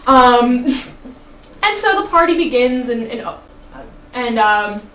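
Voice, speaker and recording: High-voiced woman telling a rambling comic anecdote. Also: sing-song, slow pace, a bit bright, a little hiss or hum. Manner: rambling, giggly, self-interrupting with asides. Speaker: storyteller. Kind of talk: informal comic anecdote told to a live group. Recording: echoey room, distant mic.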